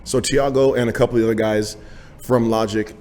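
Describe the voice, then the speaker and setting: A man's voice: medium pitch, a little fast. A man hosting a podcast interview, chatting loosely with lots of fillers and easy yeahs, recorded in a small home gym. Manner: relaxed, loose talk with many fillers and repeated yeahs. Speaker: podcast host. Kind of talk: casual interview.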